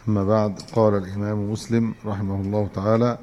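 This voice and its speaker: Egyptian arabic guy teaching hadith, mellow voice, long echo like a big hall. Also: lowish voice, little pitch movement, highs cut off. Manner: measured, explanatory, restarts to correct himself. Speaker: Islamic scholar teaching hadith. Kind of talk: religious lesson, reading and explaining a text.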